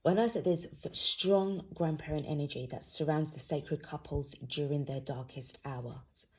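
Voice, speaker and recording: A drowsy-sounding woman giving an informal spiritual card reading to viewers, talking in a halting, rambling way. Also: sits low, breathy edge. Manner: sleepy, drowsy. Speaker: host, intuitive card reader.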